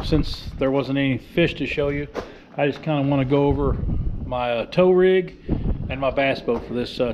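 An amateur tournament angler and vlogger chats plainly and folksily for his fishing vlog, first on a gravel lot outdoors and then inside a large garage. His medium-pitched voice comes through muffled, captured by an action camera held at arm's length, with noisy handheld audio and ambient sound around him.

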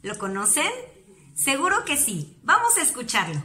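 A woman's voice: sits high, huge pitch swings, normal speed, pushed and bright. A woman teacher with a Mexican accent introducing a story to children in a friendly, upbeat way. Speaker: teacher and host.

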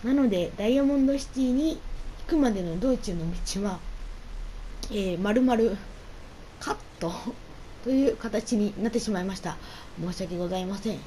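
A woman's voice: mid-range voice, normal speed, long pauses, warm tone, a little hiss or hum, rough recording. A woman doing casual solo game commentary as host, politely and half talking to herself. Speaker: gaming video host.

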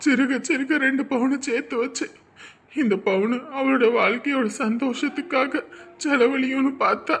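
A man's voice: very high-pitched, a bit bright, slightly rough, exaggerated voice. A worn-down village father. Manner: heavy, resigned musing. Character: poor village father pawning gold to save daughter, grim. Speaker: actor. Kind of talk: village drama acting.

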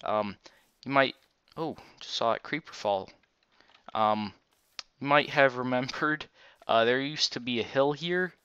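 Slow-talking man wearing a retainer, lo-fi mic. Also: medium pitch, pushed and bright, clean tone, no room sound. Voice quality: slight retainer-affected speech. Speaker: gaming video host. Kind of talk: casual Let's Play game commentary. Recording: dull, lo-fi microphone.

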